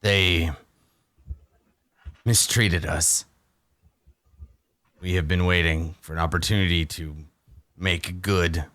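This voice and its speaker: A man voicing a sullen, proud hobgoblin prisoner in a tabletop game, speaking slowly and tersely. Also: sits low, steady tone, a bit bright, no echo, studio quality, voice pushed down. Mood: bitter, resigned. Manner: slow, grim, terse.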